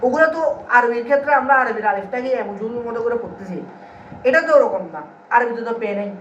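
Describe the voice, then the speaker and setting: The recording is roomy and distant, dull-sounding with slight background hiss, as a male Urdu grammar teacher lectures in a classroom set back from the mic. His very high-pitched, fast, somewhat bright voice keeps checking understanding through quizzing and call-and-response drills.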